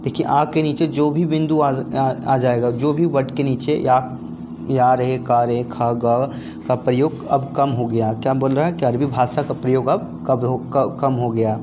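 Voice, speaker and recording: A man's voice: mid-range voice, steady tone, unhurried, noisy background. A man with a Jharkhand Hindi accent teaching an exam-prep grammar lesson, repeating points and asking and answering his own questions.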